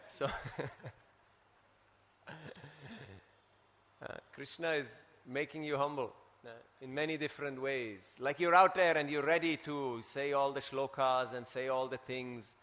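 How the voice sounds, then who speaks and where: A man from Switzerland giving a scripture class, telling stories in an animated way and tagging his points with "huh?". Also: mid-range voice, a little slow, long reverb tail, slight background noise. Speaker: preacher. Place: temple hall.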